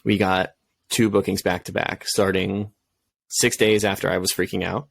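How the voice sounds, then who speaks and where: A man's voice: deep voice, level tone, normal speed, vocal fry, slight background noise. A young adult man co-hosting a casual podcast, telling his own story in a candid, reflective way. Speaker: podcast co-host.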